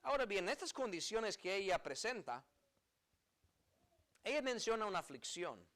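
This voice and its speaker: A man's voice: high-pitched, sing-song, normal speed, fairly bright tone. A man preaching a sermon in earnest, emphatic phrases, repeating key words, with an American accent as a native English speaker. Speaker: pastor.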